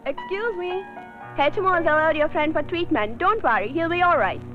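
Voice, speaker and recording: An actress dubbing a polite, formal hospital receptionist. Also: female voice, very high-pitched, lively intonation, extremely slow, exaggerated voice. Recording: muffled film audio with music.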